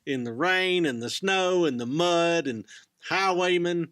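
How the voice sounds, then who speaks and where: A man co-hosting a casual discussion, joking and talking in an animated way. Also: fairly high pitch, a little slow, clear, resonant tone, no room sound. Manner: jokey, animated. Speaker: co-host.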